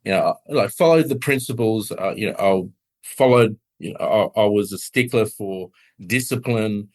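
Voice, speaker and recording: Low-voiced man telling a personal story. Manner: halting, earnest storytelling with many restarts and soft laughs. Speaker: podcast guest. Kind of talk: personal testimony in conversation.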